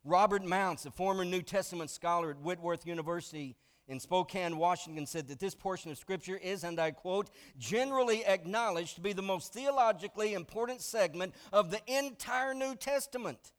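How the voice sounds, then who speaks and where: Male pastor, higher register, animated sermon delivery with lots of "I mean" asides. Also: fairly quick, few pauses. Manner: animated storytelling with frequent "I mean".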